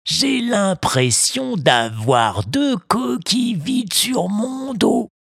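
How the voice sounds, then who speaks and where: A reader voicing a huge, gentle male tuna fish who speaks slowly, in a storybook reading. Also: medium pitch, big pitch swings, creaky, husky, no echo, clean studio sound, pitched above the performer's own voice, heavily acted. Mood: reassuring. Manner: slow, drawn-out, distant.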